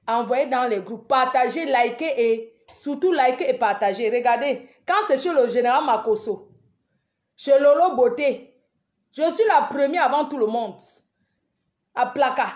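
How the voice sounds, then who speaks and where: A woman hosting a live stream who chants repeated rallying calls, shouts out viewers' names and makes scolding, emphatic asides. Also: high voice, lively intonation, measured pace.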